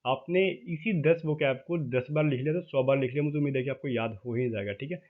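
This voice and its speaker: A man teaching vocabulary for exam preparation, chatty, often checking in with his viewers and spelling words out slowly letter by letter. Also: medium pitch. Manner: chatty, addresses viewers as "भाई". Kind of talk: exam-prep lesson. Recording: tinny phone-like audio.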